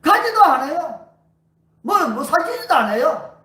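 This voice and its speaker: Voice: sits high, big pitch swings, measured pace, pushed and bright, distant mic. A pastor preaching a sermon at a healing revival, asking the congregation question after question. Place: church sanctuary. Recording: roomy church hall, voice away from mic.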